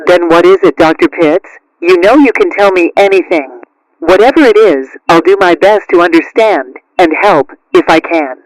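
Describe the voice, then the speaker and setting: Man as a high-voiced, caring mother cat. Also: moderate pace, no echo, lightly acted, low-quality recording. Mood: polite suspicion. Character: caring, gently firm middle-aged mother cat. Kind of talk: cartoon character acting.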